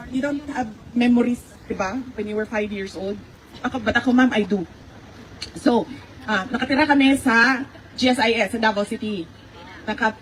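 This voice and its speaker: Filipino woman telling stories, slightly high voice. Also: a little hiss or hum, low-quality recording. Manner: mixes Tagalog and English, laughs often. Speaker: speaker recounting family stories. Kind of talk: conversational storytelling.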